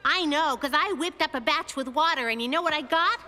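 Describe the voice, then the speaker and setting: A woman voicing a confident, quick-witted little girl in a children's cartoon, with a wry, emphatic delivery. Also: sits high, pushed and bright. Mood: playful. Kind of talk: animated children's cartoon voice acting. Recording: music behind the voice.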